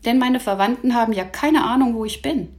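A woman doing an earnest boy hero, raised pitch, firm, storybook. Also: brisk, close to an everyday voice. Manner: earnest, reasoning.

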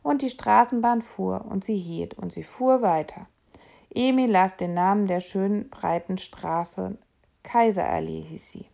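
Gravelly-voiced woman reading a story. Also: mid-range voice, unhurried, warm tone. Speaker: reader. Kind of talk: audiobook narration of a children's novel.

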